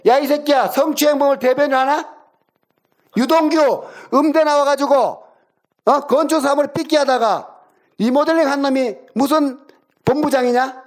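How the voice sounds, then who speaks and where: A man arguing on a call, aggressive, swearing and hectoring the other person. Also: extremely high pitch. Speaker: caller in a heated argument. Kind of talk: angry phone argument.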